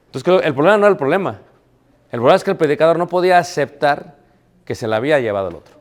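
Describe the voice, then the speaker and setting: A man delivers a sermon as a preacher, mid-pitched for a man. He keeps it conversational, acting out quoted dialogue in his stories and asking the congregation rhetorical questions.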